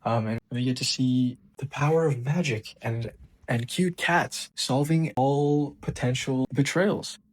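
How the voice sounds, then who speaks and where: A man's voice: medium pitch, a little slow, poor audio. Enthusiastic man breaking down an episode. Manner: enthusiastic, gushing fan; frequent ums and restarts. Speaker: show reviewer and channel host.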